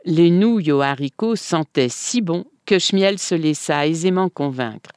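A storyteller reads a folk tale slowly and expressively. The voice moves through a wide, lively pitch range and sits close and dry on the mic. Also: smooth, no echo. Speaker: narrator. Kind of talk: storybook narration.

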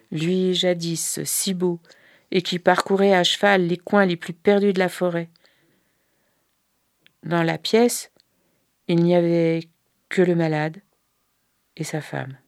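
A woman reading a folk tale aloud in a calm, measured way. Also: on the low side, no room sound, studio quality. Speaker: storyteller.

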